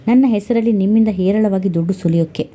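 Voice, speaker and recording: A woman's voice: medium pitch, fast, natural voice. A woman voicing a bitter, sarcastic young wife in an audio story. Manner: sharp, sarcastic.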